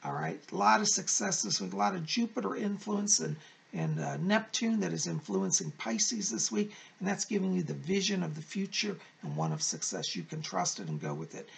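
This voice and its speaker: A male fortune teller delivers horoscopes to his audience with emphatic encouragement. His voice is heavily creaky and moves up and down in lively swoops. He is effusive and addresses listeners directly. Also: sits high, moderate pace. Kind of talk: fortune teller's weekly horoscope reading to viewers.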